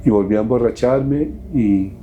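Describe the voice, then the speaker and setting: A middle-aged man speaks as an interview guest, his voice very dark and mellow. He tells his story haltingly, restarting phrases as he goes. Faint music sits underneath. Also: fairly low pitch, muffled recording. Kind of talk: personal testimony in an interview.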